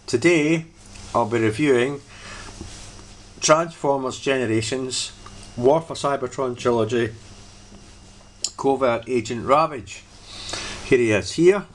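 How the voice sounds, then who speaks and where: A man's voice: mid-range voice, a little slow, long pauses, slight background noise. A man casually reviewing a toy, rambling and hesitant, often repeating himself as he goes.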